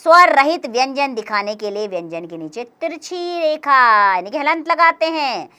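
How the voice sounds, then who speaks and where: A woman teaching a grammar lesson for young children, explaining slowly and clearly, step by step. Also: sits high, sing-song, sharp tone.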